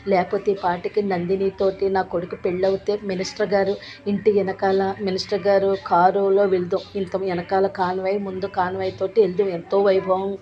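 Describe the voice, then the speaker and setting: A woman's voice: medium pitch, lightly acted. A woman voicing a scheming, bossy mother-in-law. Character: scheming, domineering middle-aged mother-in-law. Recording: dull lo-fi with faint noise.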